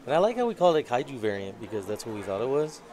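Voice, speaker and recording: A man at an average pitch adds dry, wry asides as co-commentator at a card tournament. He talks loosely and unhurried between plays. A busy crowd murmurs all around him. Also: sing-song. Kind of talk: casual live commentary.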